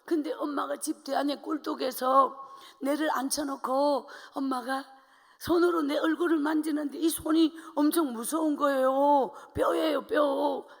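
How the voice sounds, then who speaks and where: A middle-aged woman evangelist giving a tearful testimony, swinging between loud outbursts and hushed whispers. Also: high-pitched, steady tone, measured pace, gravelly, in a large hall. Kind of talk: emotional testimony.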